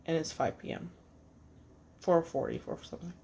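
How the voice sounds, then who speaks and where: A woman casually telling a personal story in a vlog, halting with fillers and restarts, blunt and swearing freely. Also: sits low, wildly swooping pitch, gravelly, darkish tone, slight background noise. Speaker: vlogger.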